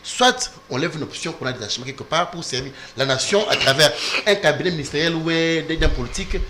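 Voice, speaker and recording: A man's voice: fairly high pitch, expressive, fast talker, background noise. A man on a televised political debate panel, defending his side insistently and talking over the others. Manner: insistent, talks over others, repeats "s'il vous plaît".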